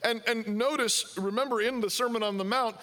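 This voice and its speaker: A man's voice: very high voice, brisk, pushed and bright. A man preaching a sermon in a conversational way, asking the congregation questions and voicing their objections. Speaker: pastor.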